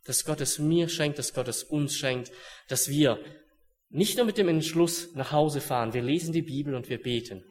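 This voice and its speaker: A young man preaching a sermon in an earnest way, dropping to hushed solemn words and then rising to urgent ones. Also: on the high side, moderate pace.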